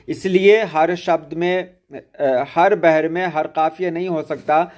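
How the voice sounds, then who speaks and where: A man giving a patient spoken lesson on poetry meter, explaining each step slowly and repeating key points. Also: fairly high pitch, darkish tone. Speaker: poetry teacher.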